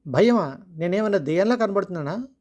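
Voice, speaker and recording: A narrator putting on a sarcastic, short-tempered husband. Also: male voice, high-pitched, expressive, measured pace, darkish tone, full character voice. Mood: angry sarcastic. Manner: scolding, mocking.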